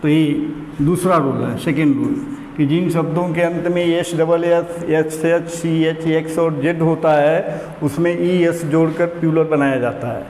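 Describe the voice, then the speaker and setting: A man teaching an English grammar lesson, speaking slowly and deliberately and repeating key words to drill them into his students. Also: on the high side, steady tone, darkish tone, reverberant, big-room sound, a little hiss or hum.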